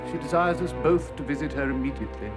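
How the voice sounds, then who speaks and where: An actor playing a formal, measured and deferential English valet. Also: male voice, a little high, music in the background, close to an everyday voice. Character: unflappable, dignified gentleman's valet.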